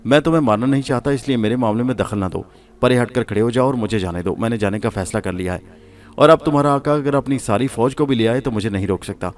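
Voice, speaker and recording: A man voicing a young, learned Egyptian hero in a spoken story, speaking calmly and unshakably. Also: medium pitch, close to an everyday voice. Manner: calm, unshakable.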